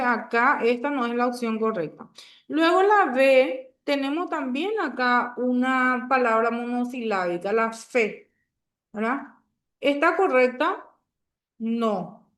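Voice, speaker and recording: Slow, high-voiced woman teacher. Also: a bit bright. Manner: patient, checks understanding with repeated "¿verdad?". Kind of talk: classroom grammar lesson.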